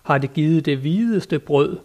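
An eager, lofty old knight from a storybook, full of high-flown devotion, as a male narrator reads him, in a fairly high voice. His speech is grand and old-fashioned, urging and exclaiming. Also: lively intonation, darkish tone, natural voice. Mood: ardent. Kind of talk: audiobook character reading.

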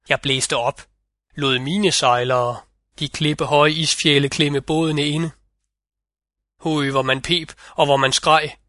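A man's voice: a little high, bright, forceful tone, no room sound, clean studio sound. A man voicing the boastful male North Wind in a fairy-tale audiobook reading. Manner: boastful, vivid storytelling.

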